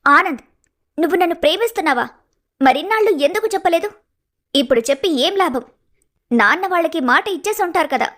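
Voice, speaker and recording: A clever, playful young woman in a cartoon story, teasing and lively. Her voice is bright and high. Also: fairly quick, long pauses. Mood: teasing, tender. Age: young adult.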